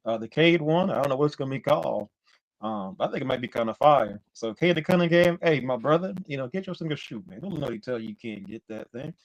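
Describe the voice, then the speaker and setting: A man's voice: mid-range voice, expressive, fast, dry recording. A man co-hosting a podcast in loose, slangy sports chat, his faulty mic crackling, popping and cutting in and out so his volume keeps jumping. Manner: slangy, loose, full of "you know". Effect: faulty mic cutting in and out, crackling and popping, uneven volume. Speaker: podcast co-host.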